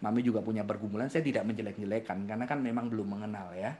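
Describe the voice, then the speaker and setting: Animated man speaker, laughing often. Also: fairly low pitch, racing, a little hiss or hum. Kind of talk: seminar talk answering youth questions.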